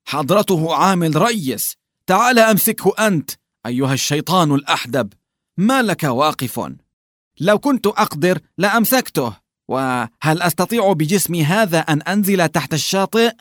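A tall, thin peasant with a hoarse, muffled voice that seems to rise from his belly, as a male narrator puts him on. He grumbles, mocks and bickers in a high, strained tone that swings widely. It is a dry, close storybook reading. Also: sing-song, brisk, no echo. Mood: gruff, quarrelsome. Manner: grumbling, quarrelsome.

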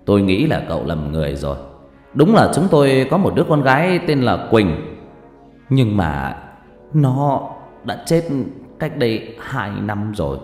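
A man's voice: on the low side, very animated, a little slow, a little mellow. A man voicing a stingy, secretive old village landowner who talks brusquely, recorded in an echoey room with faint music. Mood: dismissive. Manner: brusque, stammering.

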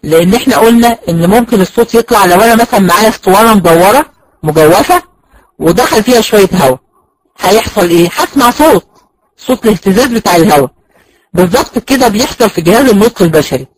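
A man's voice: high voice, animated, rapid-fire, low-quality recording. A man with an Egyptian accent giving a recorded lecture on Quran recitation. He explains step by step, asks and answers his own questions, and sounds out letters as examples.

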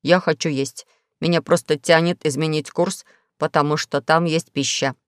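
A woman voicing a polite, fussy talking spaceship in a lower, measured tone. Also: steady tone, no echo, studio quality, natural voice. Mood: prim.

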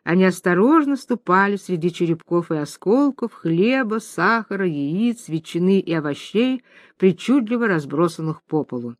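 A woman reading a play aloud, giving the stage directions in an even, clear narrating voice. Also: on the low side, moderate pace, no echo, clean studio sound. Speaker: reader.

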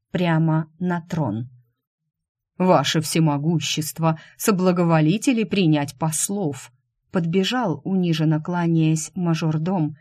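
Brief: female audiobook narrator, low voice, expressive storytelling. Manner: expressive reading, voicing the characters.

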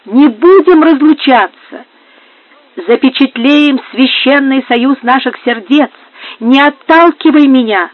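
A woman's voice: sits high, normal speed, hardly any pauses, dry recording, voice pushed up. A woman reading the part of an impetuous young male lover, exclaiming and pleading. The sound is dry and narrow, like a phone line. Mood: impassioned.

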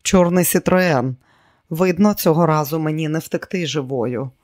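A woman's voice: low voice, moderate pace, a little mellow, no echo, studio quality, close to an everyday voice. A man reading an audiobook and voicing a bold, reckless young woman who talks in an insistent, theatrical way. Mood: pleading.

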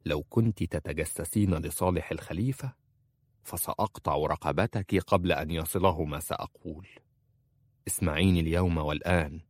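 A man voicing a stern, ambitious emir who speaks slowly and firmly in a storybook reading. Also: low voice, darkish tone, no echo, studio quality. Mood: commanding.

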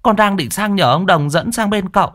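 A man's voice: high-pitched, moderate pace, fairly bright tone, no echo, clean studio sound, pitched above the performer's own voice. A man doing a wailing frightened village woman. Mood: pleading. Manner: pleading, wailing. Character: middle-aged woman, pleading and frightened.

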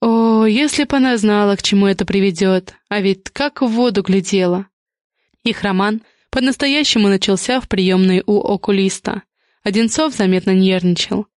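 A woman reading a novel aloud in steady, even audiobook narration. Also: mid-range voice, moderate pace, no echo, clean studio sound.

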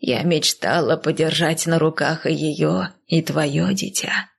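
A weary, tender old nanny speaks slowly in a hushed, sighing half-whisper, as a woman reading an audiobook puts her on. The voice sits low and husky, with a gravelly crackle on softer words. This is a storybook character in a fantasy audiobook. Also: steady tone, heavily acted.

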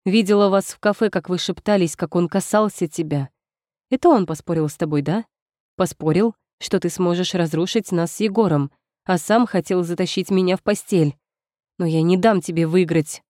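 A woman's voice: lowish voice, moderate pace, no room sound, clean studio sound, close to an everyday voice. A woman as a furious defiant young heroine. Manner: furious, forceful.

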